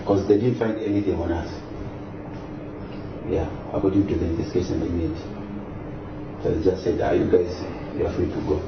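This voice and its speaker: A very low-voiced man answers questions haltingly, filling gaps with "like" and "uh". He is recorded from a distance in a roomy, echoey space. Loud background noise sits behind him on a dull, lo-fi track. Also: steady tone. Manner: hesitant, many fillers. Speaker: interviewee. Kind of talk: interview.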